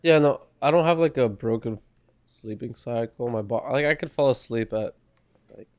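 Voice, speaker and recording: A young man chats on a casual podcast in an ordinary mid-range voice. He is laid-back and hesitant, filling pauses and laughing easily with his co-host. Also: mid-range voice, darkish tone. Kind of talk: casual chat.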